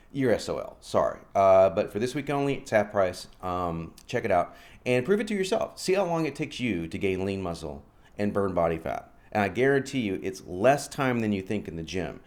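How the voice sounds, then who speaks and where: A man in his forties vlogging about his fitness program, telling stories and acting out both sides of the conversation. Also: mid-range voice. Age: 40s. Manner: animated storyteller, acts out both sides of dialogue. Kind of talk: casual promotional vlog.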